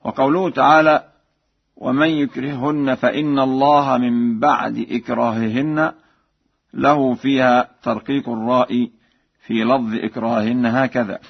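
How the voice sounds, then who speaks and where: A man explains recitation rules in a measured way, breaking into slow, melodic chanted examples. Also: medium pitch, fairly even intonation, vocal fry, slightly rough. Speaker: Quran recitation teacher. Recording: dull lo-fi radio broadcast.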